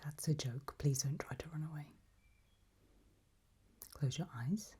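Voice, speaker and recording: In a creepy audio drama, a woman whispers as an eerie yet gentle undead mentor, her voice low and very breathy with mellow edges. She gives instructions softly and patiently, coaxing, though a quiet unease runs beneath. Her delivery is a little slow and exaggerated.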